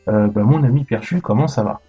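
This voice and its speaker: Male podcast host, mellow husky voice, chatty with fillers, dull lo-fi sound, faint music behind. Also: mid-range voice, fairly quick. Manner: chatty, many fillers and restarts. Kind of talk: casual podcast hosting.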